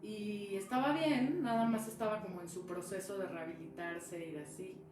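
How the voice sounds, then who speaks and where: On a live stream, a woman casually shares a personal experience, chatting away and acting out the dialogue as she tells it. Her voice is medium-pitched, fairly even and moderately paced, recorded in an echoey room with music behind.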